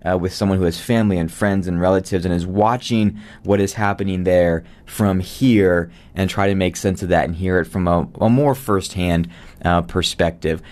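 Deep voiced guy hosting morning talk radio in the studio, friendly and chatty. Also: fairly even intonation, normal speed, a little mellow. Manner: friendly, conversational, with filler words. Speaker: radio talk show host. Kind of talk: live radio talk show. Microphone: studio microphone.

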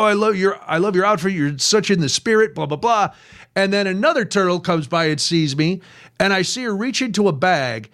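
An older man hosting a radio show, telling self-mocking stories in a casual chat. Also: sits high. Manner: animated, self-mocking storyteller. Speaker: radio host.

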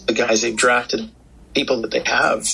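A man's voice: medium pitch, level tone, normal speed, vocal fry, bright, forceful tone, breathy edge, poor audio. A man calling in as a sports radio guest, talking through basketball with lots of restarts and fillers. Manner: talkative, many restarts and fillers. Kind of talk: phone-in sports radio interview. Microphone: phone line.

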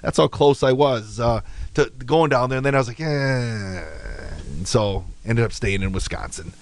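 A man's voice: medium pitch, brisk, slight background noise. An American man hosting local radio, chatting casually and giving local updates.

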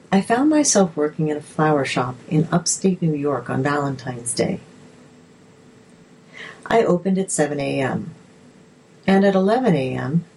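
A woman narrator reading articles aloud in a measured, steady way. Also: low voice, slight background noise, low-quality recording.

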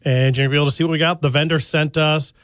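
A man's voice: a little high, steady tone, racing, fairly bright tone, no room sound. Chatty Midwestern man on dry studio mic. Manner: chatty, laughs easily, self-deprecating. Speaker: in-studio guest, retail store worker. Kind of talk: casual radio chat.

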